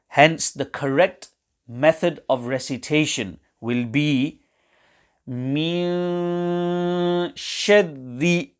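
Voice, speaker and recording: A man teaching Quran recitation rules in a webinar, explaining carefully and reciting short examples. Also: mid-range voice.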